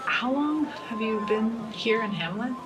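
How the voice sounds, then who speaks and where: A woman's voice: fairly high pitch, lively intonation, a little slow. A woman taking part in a tabletop game, improvising her lines casually. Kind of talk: casual improvised role-play. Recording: slightly distant mic, music behind.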